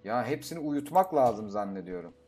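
A young man giving casual gameplay commentary, talking to himself, swearing and breaking into excited outbursts. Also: mid-range voice, normal speed, soft background music. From Turkey. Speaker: gaming YouTuber.

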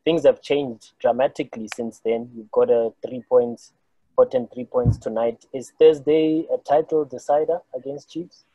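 A man, a sports journalist, asking a measured press conference question with some hedging. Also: mid-range voice, fairly even intonation, mellow, husky, no echo. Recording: dry, dull lo-fi call audio.

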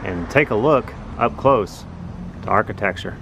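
A man narrating a walking tour outdoors on a city sidewalk, explaining things slowly and plainly as he films with a handheld phone. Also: on the low side, a bit bright, a little hiss or hum. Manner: slow, plain, informative. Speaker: vlogger touring a building. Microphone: handheld phone camera.

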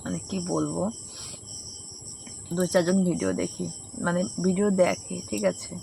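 A woman's voice: lowish voice, steady tone, measured pace, gravelly, dark tone, a little hiss or hum. A middle-aged woman with a cold talks earnestly and repetitively to her viewers, sharing her thoughts. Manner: repetitive, reflective, addresses viewers directly. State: has a cold. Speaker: vlogger. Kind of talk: casual heartfelt talk to viewers. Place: rural home with goats nearby.

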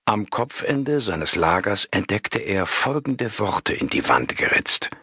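A man reading a spiritual book aloud as scripted narration, calm and measured, with a husky voice. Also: lowish voice, no echo, clean studio sound. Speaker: audiobook reader.

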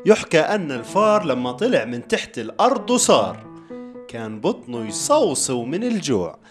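A man's voice: on the high side, sing-song, moderate pace, faint music behind. A man with a Levantine Arabic accent narrating a children's story as a theatrical storyteller.

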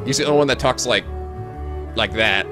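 This man hosts a gaming video, speaking fairly quickly in a mid-range voice. He's casual and playful, exclaiming and swearing freely while game music plays behind him.

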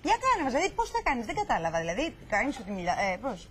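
A woman's voice: fairly high pitch, wildly swooping pitch, fairly bright tone, slight background noise. A woman hosting a television chat show in a studio, coaxing and teasing her guests. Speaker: host.

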